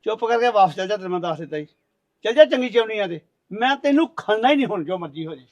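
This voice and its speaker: Hot-tempered middle-aged husband played by a man, high, rapid, scolding. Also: animated, dry recording. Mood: angry. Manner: bossy, scolding. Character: stubborn short-tempered older husband.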